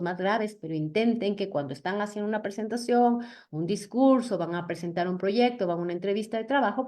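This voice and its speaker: A woman with a high voice teaching a public speaking workshop, expressive and playing with pitch and pace to show her points. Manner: expressive, often shifts pitch and pace to demonstrate. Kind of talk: virtual workshop talk.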